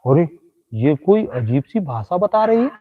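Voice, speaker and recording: Guy doing a live ghost-prank stream at night, highish voice, kinda muffled lo-fi sound, keeps ribbing the ghost. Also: sing-song, a little slow. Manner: teasing, talks directly to an unseen ghost. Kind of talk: comedic live-stream commentary. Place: outdoors at night.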